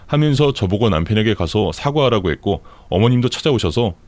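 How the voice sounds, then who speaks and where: A man narrating a first-person story in a steady storytelling manner. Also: on the low side, a little fast, no room sound.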